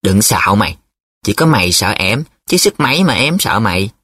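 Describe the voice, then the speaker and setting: A man voices a blunt young student who does not believe his friend. His questions come quickly and sharply, and the reading sounds dry and close. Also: fairly low pitch, big pitch swings, sharp tone, breathy edge, dry recording, full character voice. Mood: mocking.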